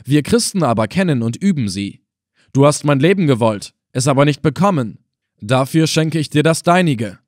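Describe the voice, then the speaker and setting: A man narrating an audiobook with calm, measured storytelling. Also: on the high side, dry recording, clean studio sound. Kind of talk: scripted narration.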